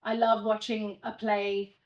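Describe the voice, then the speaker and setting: A woman's voice: mid-range voice, little pitch movement, measured pace, dull audio. A woman hosting an interview, asking questions and affirming her guest often. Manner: warm, affirming with frequent "yeah". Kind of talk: conversational interview.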